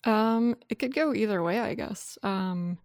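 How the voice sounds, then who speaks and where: A woman's voice: mid-range voice, unhurried, darkish tone, dry recording, studio quality. A woman brainstorming ideas in casual chat, hesitant and full of fillers. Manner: hesitant, many fillers, laughs often. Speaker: worldbuilding collaborator.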